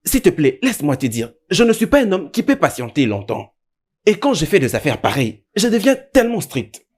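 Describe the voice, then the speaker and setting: A man's voice: on the high side, huge pitch swings, brisk. A strict, impatient dance teacher, scolding his clumsy pupil. His voice swings widely up and down as he berates. Everything is delivered in the style of a dubbed film. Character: strict short-tempered male dance teacher.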